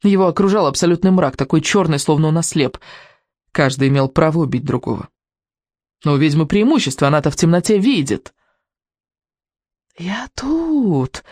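Audiobook reader, woman, low voice, expressive, dry close mic. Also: fairly quick, no echo. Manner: expressive storytelling. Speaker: audiobook narrator. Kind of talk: scripted narration.

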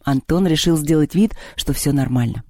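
A calm audiobook narrator reads a children's story with a mellow, soft tone. The recording is dry and close, with no room sound. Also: mid-range voice, moderate pace, dry recording. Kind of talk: scripted narration.

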